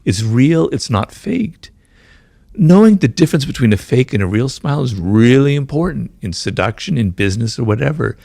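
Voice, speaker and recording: A man with a gravelly, slightly creaky voice at a middle pitch, speaking fast in a conversational interview. He keeps tossing in "right?" and "you know" as he explains. The sound is dry and close, with no room echo. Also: very animated, mellow. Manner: talks fast, says his mind races. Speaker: author being interviewed.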